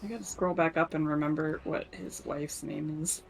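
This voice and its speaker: A woman's voice: low-pitched, steady tone, moderate pace, vocal fry, rough recording. A woman playing a tabletop game, talking casually with the group.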